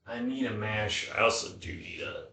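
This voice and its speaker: A man's voice: on the low side, fairly even intonation, moderate pace, pushed and bright. A man talking casually to himself as he cooks at home, sweary and slangy, in an exasperated mutter. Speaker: home cook vlogger. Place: indoors in a home kitchen. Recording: echoey room, distant microphone.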